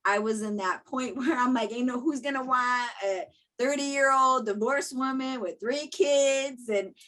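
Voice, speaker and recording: A woman's voice: high-pitched, measured pace, a bit bright, low-quality recording. A woman in her thirties co-hosting a podcast, talking earnestly and repeating phrases for emphasis in a casual chat. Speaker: podcast co-host.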